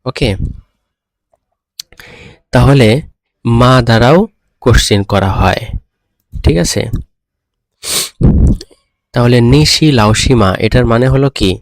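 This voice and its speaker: A man's voice: mid-range voice, slow pace, pauses often, dry recording. A man teaching a beginner language lesson, patiently explaining words and checking that students follow. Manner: patient, repeats and checks understanding.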